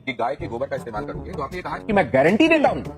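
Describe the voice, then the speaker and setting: A man's voice: fairly high pitch, wildly swooping pitch, rapid-fire, music in the background. A male TV news anchor moderating a debate, pressing and interrupting his guest. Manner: persistent, interrupting, challenging.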